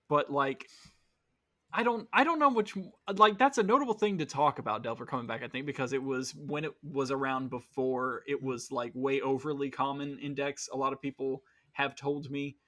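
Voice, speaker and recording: A man's voice: medium pitch, pushed and bright. A man in casual podcast chat, thinking aloud and hedging with fillers, sometimes speeding up. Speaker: podcast co-host.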